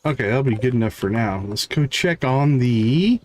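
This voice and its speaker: Chatting to his viewers during a live game stream, this gamer thinks out loud in brief, casual bits, with a slight catch in his throat. His medium-pitched voice is a little mellow, with lively intonation at a moderate pace.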